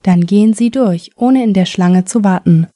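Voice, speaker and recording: A polite clinic receptionist, read by a woman who speaks evenly. The voice is mellow and dry. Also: medium pitch, moderate pace, no room sound, close to an everyday voice.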